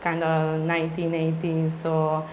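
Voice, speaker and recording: A woman from Spain, a DJ guest answering interview questions in halting English with many fillers. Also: deep voice, monotone, darkish tone. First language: Spanish or Italian. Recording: echoey room, faint noise.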